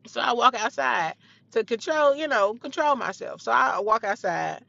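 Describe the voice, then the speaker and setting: Bright-voiced young woman telling a story bluntly. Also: a little high, expressive, normal speed, vocal fry, dry recording, dull audio. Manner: blunt, profane, heated retelling. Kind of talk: casual storytime monologue.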